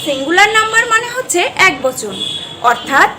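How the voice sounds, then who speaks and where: A woman's voice: very high-pitched, very animated, fairly quick, background noise. A woman teaching an online grammar lesson, methodically defining each term and then giving examples. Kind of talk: structured lesson explanation.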